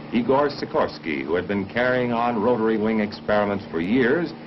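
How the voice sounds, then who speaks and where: A fairly low-pitched American man gives formal, measured instructional narration for a mid-20th-century military training film. The old soundtrack is dull and has a noisy background.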